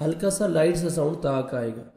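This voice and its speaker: A man teaching Quranic recitation, patiently explaining pronunciation rules and chanting verses slowly. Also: on the high side, lively intonation, warm tone, echoey room. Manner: patient, repeats letters and rules, slow drawn-out recitation.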